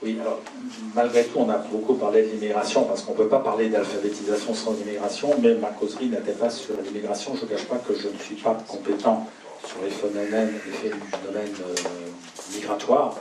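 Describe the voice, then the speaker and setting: A man giving a talk in a pub and answering audience questions, speaking in a measured, deliberate way with pauses between phrases. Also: lowish voice, flat delivery. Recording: roomy, distant mic, faint pub hum.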